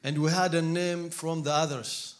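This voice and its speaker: A man, telling his testimony in English in short phrases that pause for an interpreter, often repeating words as he searches. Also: on the high side, fairly even intonation. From Ethiopia. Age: 40s. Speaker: guest speaker.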